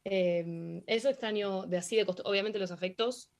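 A young adult woman, a hockey player with an Argentine Spanish accent, answers interview questions in a casual way full of fillers and restarts. Her voice is mid-range with fairly even intonation and a moderate pace.

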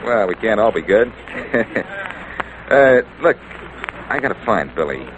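Through dull audio on a noisy vintage radio recording, a man with a low, sing-song voice voices the amateur detective lead of a radio drama, speaking a little slowly. The character is wry, flirtatious and self-assured, and the performance feels breezy and charming, full of nonchalant wisecracks.

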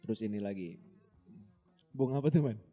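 Young guy cracking puns, mellow dark voice, faint guitar under it. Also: lowish voice. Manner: bantering, quick puns, frequent laughter. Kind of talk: casual joking wordplay chat.

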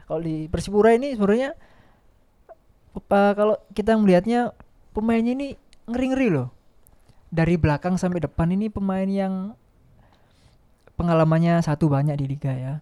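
Dude, mellow dark voice, laid back football chat. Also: male voice, a little high, moderate pace, pauses often, clean tone. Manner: relaxed, agreeing, trails off. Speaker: podcast co-host.

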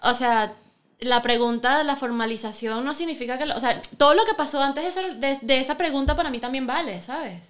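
A young woman with a Venezuelan accent talks fast in a slightly high voice. She is a podcast guest telling her story in an animated, casual way. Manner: animated, quick, full of "o sea".

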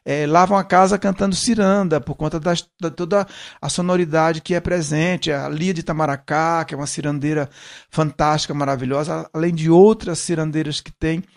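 A man's voice: fairly high pitch, steady tone, vocal fry. Man with a mixed northeastern Brazilian accent. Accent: Brazilian Portuguese, mixing Ceará, Pernambuco and São Paulo accents. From Ceará, Brazil. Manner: reflective, searching for words with frequent pauses. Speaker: musician guest. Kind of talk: casual interview chat.

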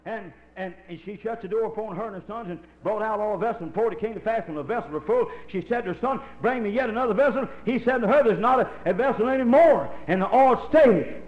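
Older preacher in an echoey church. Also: male voice, high-pitched, fast, hardly any pauses, dull audio. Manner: folksy, impassioned storytelling preaching. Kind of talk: Holiness sermon. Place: church with congregation. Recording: echoey live church recording.

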